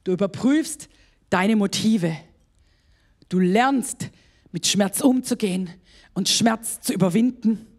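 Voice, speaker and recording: A woman's voice: mid-range voice, slow, long pauses, a little mellow. A woman pastor with a German accent preaching a sermon, emphatic and exclaiming, laughing at herself at times.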